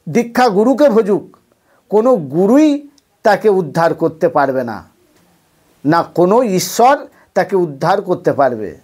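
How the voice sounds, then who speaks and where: A man giving an impassioned devotional sermon, admonishing listeners and ending by chanting verses slowly. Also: high-pitched. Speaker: religious preacher.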